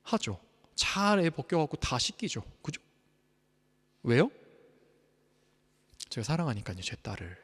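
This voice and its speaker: Brief: male pastor, high and lively voice, emphatic sermon in a long-reverb church hall. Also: a little slow, long pauses, slightly rough. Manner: swings between hushed and loud, emphatic.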